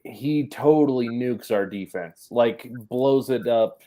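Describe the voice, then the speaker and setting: A man co-hosting a casual postgame football podcast talks things over thoughtfully, hedging and using plenty of fillers. His voice is mellow and medium-pitched, and he speaks slowly.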